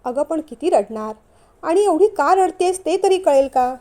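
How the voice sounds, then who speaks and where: A woman's voice: sits high, lively intonation, a little slow, dark tone, voice pushed up. A woman voicing a middle-aged mother-in-law, firm and scolding yet caring, in a storybook reading.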